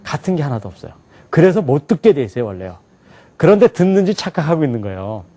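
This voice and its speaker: A man lectures a room of students. He talks with plenty of lift and fall in a slightly high voice, firing questions at the class and laughing as he goes. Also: fast talker. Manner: animated, asks the class questions and laughs often. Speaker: English teacher at an alternative school.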